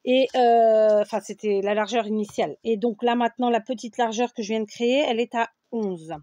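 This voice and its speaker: Higher-voiced woman explaining a craft step by step. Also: steady tone, brisk, warm tone, no echo. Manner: explains step by step while measuring and cutting; keeps checking in with viewers. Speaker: crafting tutorial host. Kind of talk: casual craft tutorial.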